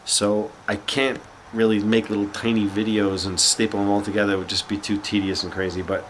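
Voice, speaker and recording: Talking a little fast in a lowish voice, a man with a cold sniffles through a relaxed show-and-tell of his records. He sounds slightly nasal and uses frequent fillers, and the low-quality recording carries slight background noise.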